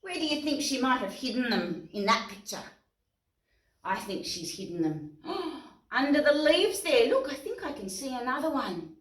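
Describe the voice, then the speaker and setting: With a high voice and a moderate pace, this Australian storyteller reads aloud to young children full of expression, putting questions to them and explaining words in simple terms. Guitar music plays in a roomy, echoing space, picked up by a far-off mic.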